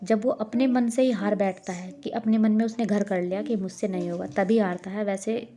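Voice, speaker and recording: Earnest woman in her thirties, mellow voice. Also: mid-range voice, steady tone, normal speed. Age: 30s. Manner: earnest, encouraging, repeats herself. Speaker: homemaker vlogger. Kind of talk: casual motivational vlog talk.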